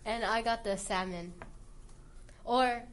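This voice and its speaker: A woman's voice: fairly high pitch, animated, a little hiss or hum. A teenage girl, a podcast guest, chatting casually and laughing while she argues over how words are said. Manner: giggly, quick to debate pronunciations. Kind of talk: casual chat.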